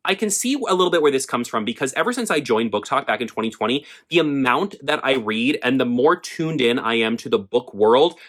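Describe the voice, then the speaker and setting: A young man hosting a book vlog, talking in a sassy, animated way with lots of rhetorical questions. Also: medium pitch, brisk, few pauses. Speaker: book vlogger. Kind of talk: opinionated casual vlog rant.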